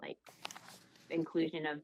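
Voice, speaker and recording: A woman's voice: low-pitched, little pitch movement, measured pace, vocal fry, dull audio, noisy background. A woman asking questions at a board policy meeting, hesitant and full of likes and ums.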